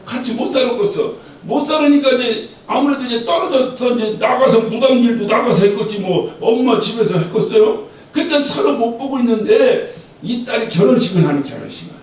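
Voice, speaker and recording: A man's voice: animated, brisk, a little mellow. A male pastor preaching in a chatty, storytelling way and often asking the congregation questions. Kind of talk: conversational sermon. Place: church sanctuary. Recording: very echoey church, distant mic, faint rumble.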